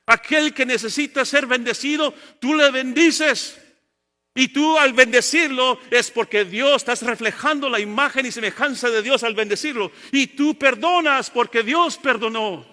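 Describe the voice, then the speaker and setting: A man preaching a bilingual sermon in a church sanctuary. He switches between Spanish and English and delivers slow, emphatic lists. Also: very high-pitched, bright, forceful tone. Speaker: pastor. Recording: long church-hall reverb.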